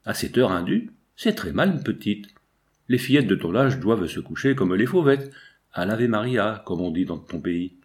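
Man reading busy painter, stern, scolding, low voice. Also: big pitch swings, normal speed. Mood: gently stern. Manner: firm and scolding.

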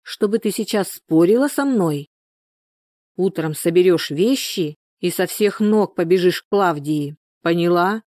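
A woman's voice: on the low side, measured pace, darkish tone, no echo, studio quality, close to an everyday voice. A woman reading the part of a hot-tempered village wife and mother who scolds sharply. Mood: scolding.

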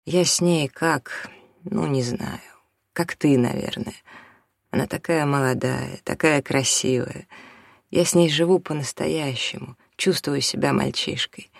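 A middle-aged father who is leaving his family, self-justifying and pleading, as the reader puts him on. His voice sits lower than the narration, with a gravelly fry. It is close and dry, as in a storybook audio reading. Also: measured pace, no room sound. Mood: confessional. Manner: pleading, defensive, rising to near shouting.

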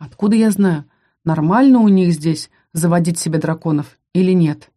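An audiobook narrator reading a first-person fantasy romance novel in a calm, measured storytelling manner. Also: mid-range voice.

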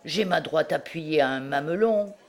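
A woman's voice: low-pitched, normal speed, darkish tone, close to an everyday voice. A woman voicing a rowdy, boastful drunken young male student in an audiobook, exclaiming and laughing. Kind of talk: audiobook character reading.

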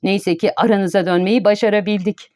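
A woman reading the lines of a male club president who speaks in a loud, ceremonious way in a storybook. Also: medium pitch, steady tone, a little fast, no room sound, clean studio sound, natural voice. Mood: solemn.

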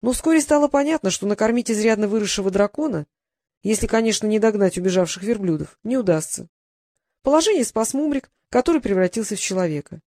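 A woman narrating a fantasy audiobook in a lively storytelling manner. Her voice sits at an ordinary pitch for a woman. The recording is dry and close. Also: fast talker, no echo. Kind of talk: scripted narration.

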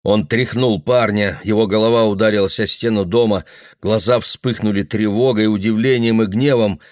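A man reading a novel aloud in a steady, even narration. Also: fairly low pitch, moderate pace, no echo, clean studio sound. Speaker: audiobook reader. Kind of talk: literary narration.

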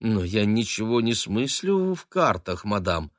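A man's voice: fairly low pitch, big pitch swings, measured pace, no room sound, studio quality. A man voicing a shy, flustered young woman who answers her mistress timidly. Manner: timid, bewildered.

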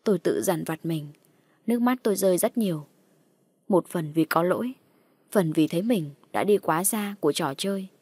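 A woman's voice: lowish voice, lively intonation, normal speed, a little mellow, slightly rough, no room sound, studio quality. Woman narrating a dramatic horror story. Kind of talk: first-person horror audiobook narration.

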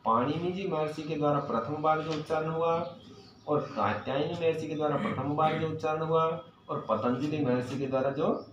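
A man teaching Sanskrit grammar to a class, explaining patiently, asking his students questions and reciting verses slowly. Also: a little high, noisy background. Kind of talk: classroom lecture. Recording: echoey, dull lo-fi room recording.

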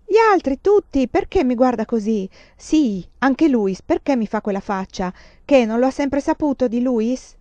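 A woman reading a storybook voices a desperate young foreign student who pleads and shouts to be let out. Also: a little high, measured pace, no echo, dull audio. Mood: frantic.

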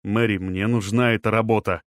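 A man's voice: lowish voice, fairly quick, no echo, clean studio sound, lightly acted. A man doing a bitter, resigned older man. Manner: flat, resigned, shrugging. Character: bitter weary middle-aged man.

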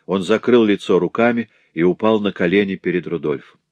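A man narrating a novel as an audiobook in an expressive, measured manner. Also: sits low, dry recording, lo-fi sound. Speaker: audiobook reader.

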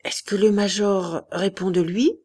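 A woman voicing a discouraged middle-aged manufacturer who speaks in a low, dejected way. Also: fairly even intonation, a little slow, mellow, lightly acted.

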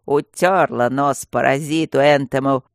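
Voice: medium pitch, lively intonation, slow pace, no room sound, studio quality. A reader voicing an old, peevish male stone guardian who mumbles and grumbles, in a storybook reading. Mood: gleeful. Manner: lisping mumble, peevish and fussy. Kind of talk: audiobook character voice.

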